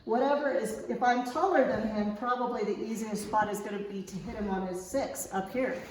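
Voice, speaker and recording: A woman's voice: a little high, a little fast. A woman coaching a fencing class, explaining technique step by step in an informal, checking-in way. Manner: informal, checks understanding with okay. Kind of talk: instructional demonstration, explaining step by step. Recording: very echoey large room.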